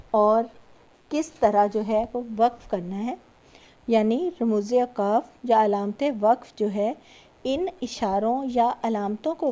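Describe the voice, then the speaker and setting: A woman's voice: fairly high pitch, dark tone. A woman teacher giving a recorded lecture to students, patient and repeating key points with frequent check-ins. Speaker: school teacher.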